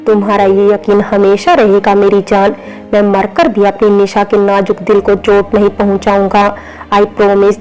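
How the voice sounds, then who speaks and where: A woman reading the lines of an affectionate, teasing young husband in a storybook romance, in a flat, even voice. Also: medium pitch, a little slow, natural voice, low-quality recording. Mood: tender.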